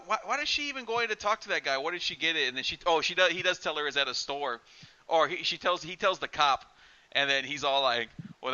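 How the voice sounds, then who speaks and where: A man's voice: fairly high pitch, pushed and bright, smooth, dull audio. A man co-hosting a casual horror podcast, rambling and swearing and saying dude every few words. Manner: rambling, profane, says dude a lot. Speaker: podcast co-host.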